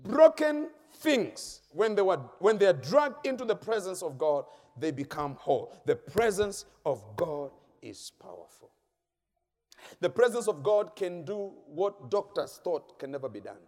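A man preaching a sermon in a church hall, emphatic and repetitive, with sudden loud peaks. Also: sits high, expressive, measured pace. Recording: long echoing church-hall reverb.

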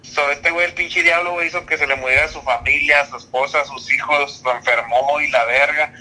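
A man, talking loosely and slangily on a podcast. His voice sits a touch high and rings very bright and forceful. He tells things in an easygoing chat, scattering casual fillers throughout. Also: fairly even intonation, a little fast, poor audio. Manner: slangy, peppers every phrase with a casual filler. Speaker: podcast host.

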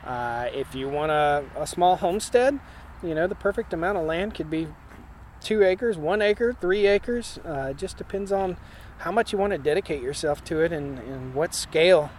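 A farmer in his forties talks in a plainspoken, emphatic way, often restarting his sentences. His voice sits on the higher side for a man. Faint outdoor noise hums behind him. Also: expressive, normal speed, a little mellow. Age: 40s. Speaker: homesteading farmer and guest. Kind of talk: casual interview chat. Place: outdoors at a conference.

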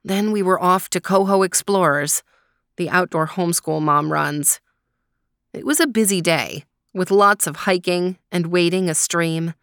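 A middle-aged woman calmly reading a children's story aloud in a gentle, drawn-out way. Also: lowish voice, no echo, clean studio sound.

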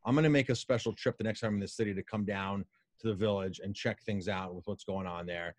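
A man's voice: lowish voice, fairly even intonation, quick pace, dry recording. A middle-aged American man hosting a casual interview in a wordy, effusive conversational way. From Colorado, United States. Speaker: interview host.

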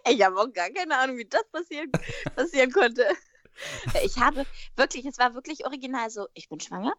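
A woman actress chatting in an interview, telling animated anecdotes and acting out her own quotes, with frequent tag questions. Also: sits high, a little fast, no room sound, studio quality. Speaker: actress on a TV series. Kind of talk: casual interview chat.

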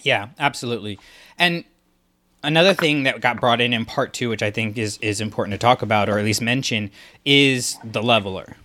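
A man co-hosting a podcast works through a fan analysis emphatically, acting out imagined reactions. His voice is mid-range, fairly quick, pushed and bright.

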